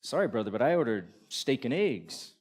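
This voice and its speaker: A man's voice: medium pitch, very animated, moderate pace, a little mellow. A man voicing a friendly, folksy male Texan traveler in a live stage story, in an easygoing, modest manner. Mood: polite.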